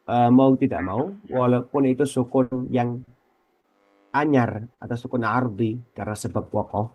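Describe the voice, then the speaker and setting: A man with an Indonesian accent teaching Quran recitation on a radio program, explaining patiently and repeating letter sounds slowly as examples. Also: medium pitch, dry recording, lo-fi sound. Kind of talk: radio tajwid lesson. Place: radio studio.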